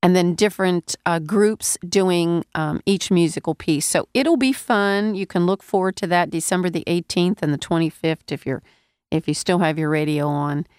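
A woman giving a radio sermon as host, with a gravelly, nasal voice congested from a cold, speaking earnestly and repeating key phrases for emphasis. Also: fairly low pitch, normal speed, darkish tone, dry recording, studio quality. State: congested, getting over a cold. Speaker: radio preacher and show host.

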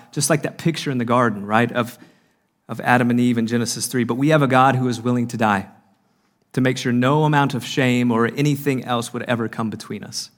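Earnest man preaching. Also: medium pitch. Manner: earnest, slows down to stress lines. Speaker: conference speaker. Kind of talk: sermon. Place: conference hall.

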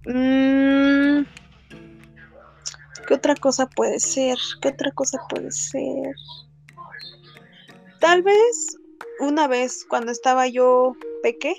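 A woman in a casual chat, reacting to a story and telling one of her own, unhurried, with slang asides. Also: high voice, gravelly, faint music behind.

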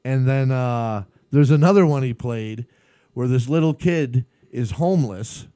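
A man's voice: mid-range voice, a little slow, dark tone, no room sound, studio quality. A man hosting a live podcast, telling stories animatedly and laughing often in casual chat. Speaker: podcast host.

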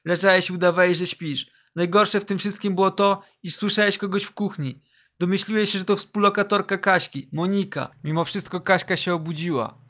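A man with a high, bright voice tells a casual second-person story. His delivery is slangy and joking, tossing internet asides into the narration. The tone is light and crisp, pitched well above most men. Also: steady tone, brisk. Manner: slangy, jokey, reads internet asides aloud.

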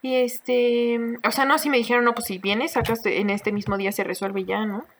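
A young Mexican woman with a fairly high voice tells a strange personal story in a casual podcast chat. She laughs often and drops plenty of slang as she goes. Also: steady tone, moderate pace, a little hiss or hum. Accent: Mexican Spanish. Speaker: podcast co-host.

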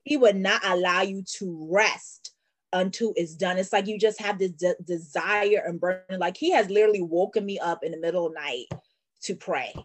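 A woman talking earnestly about prayer and faith in a casual conversation, growing animated when she tells a story. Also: lowish voice, normal speed, no echo. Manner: earnest, testifying, animated when telling stories.

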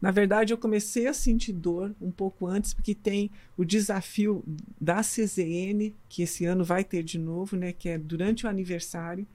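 Middle-aged Brazilian-accented woman, warm and mellow, a lively storyteller who acts out the dialogue she quotes. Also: mid-range voice, normal speed, few pauses. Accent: Brazilian Portuguese. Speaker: physician guest, amateur runner. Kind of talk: casual interview storytelling.

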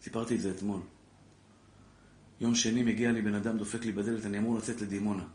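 A man, a rabbi, giving an impassioned Torah class to a live audience, calling listeners brother and building to loud exhortation. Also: on the low side, little pitch movement. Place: lecture room with a live audience. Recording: echoey room with faint background noise.

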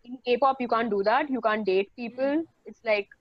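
A young woman talks in an animated, casual way, leaning on "like" between her thoughts. Her voice sits a bit high, and the recording is dry and slightly dull. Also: moderate pace, no echo. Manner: animated, says "like" a lot. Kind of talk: casual chat.

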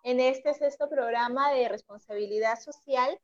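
A woman with a high voice hosts an English lesson show, explaining carefully and repeating each point so it sticks. The sound is a bit dull and lo-fi. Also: normal speed. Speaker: host of an online English program. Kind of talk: hosting an English lesson broadcast.

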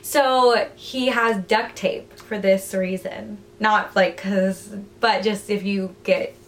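A young woman co-hosting a casual podcast, retelling a book plot in an animated, chatty way. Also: mid-range voice, slow, a little hiss or hum. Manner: chatty, animated storyteller who acts out quotes. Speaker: podcast co-host.

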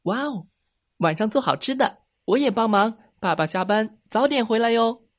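A woman voicing an eager, easily upset young boy in a children's storybook, with a high, childlike voice. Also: unhurried, natural voice.

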